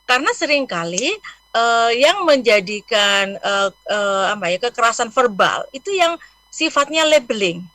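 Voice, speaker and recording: A woman's voice: fairly high pitch, expressive, unhurried, a bit bright, dry recording. A woman guest on a radio talk show, explaining parenting in a friendly, patient way from the studio. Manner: explanatory, friendly, acts out scolding parents in quotes.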